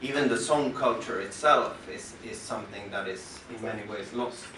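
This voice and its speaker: Speaking to a concert audience in a club, this Norwegian-accented musician from western Norway pauses and restarts often while thoughtfully presenting his work. His voice is lowish. The house-speaker sound of his stage mic was captured from far off in the crowd, roomy and set against a noisy background.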